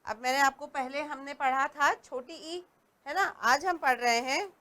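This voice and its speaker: A woman teaching a reading lesson to young children, patient and stressing each word clearly. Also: high-pitched, measured pace, pushed and bright.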